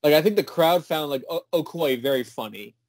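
A man with a fairly high voice co-hosts a casual conversation and talks in an animated way, laughing as he goes. The sound is dry and close, with no room echo. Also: brisk. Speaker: co-host. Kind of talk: casual chat.

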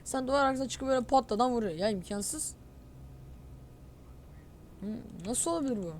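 A woman narrating her gameplay live, her voice pitched slightly above the usual. She rants in open exasperation and speaks directly to her audience. A faint noise floor sits behind her. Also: a little fast, a little mellow. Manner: exasperated, ranting, accusing cheaters; talks to viewers directly. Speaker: gamer, channel host.

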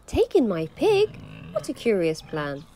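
A woman's voice: huge pitch swings, unhurried, mellow, slight background noise. A woman voicing a fussing, flustered little old lady in a children's storybook reading, pleading and exclaiming. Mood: frantic. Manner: exclaiming, pleading, rising to high squeals.

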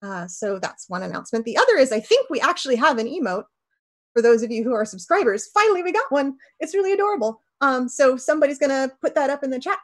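A podcast host in her thirties runs a casual livestream interview over a video call. She has a high voice and is chatty and rambling, packing her talk with fillers.

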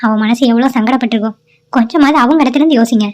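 A woman's voice: a little high, very fast, natural voice. A woman voicing an earnest, caring young woman. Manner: earnest, gently scolding. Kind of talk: cartoon drama voice acting.

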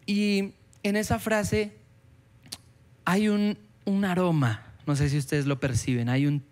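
A man delivers a sermon in a church, his voice sitting a bit high for a man. He talks animatedly, acting out the voices and dialogue he quotes with sudden jumps in pitch. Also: steady tone, slow pace, a little mellow. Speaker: preacher.

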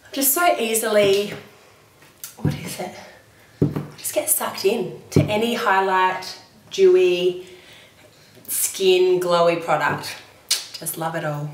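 Hoarse lady vlogging makeup stuff, lots of ums, kinda far off from the mic. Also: lowish voice, fairly even intonation, slow, long pauses, echoey room, a little hiss or hum. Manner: chatty, rambling, many ums. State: voice hoarse from illness. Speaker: beauty vlogger. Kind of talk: casual product review chat. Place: home room, child nearby.

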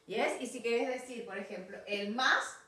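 A woman's voice: fairly high pitch, moderate pace, sharp tone, distant mic, slight background noise. A woman teacher with a Rioplatense Spanish accent giving recorded class feedback, correcting pupils and often checking that they follow. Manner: corrective, keeps checking for understanding. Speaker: English teacher. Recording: echoey room, voice off-mic.

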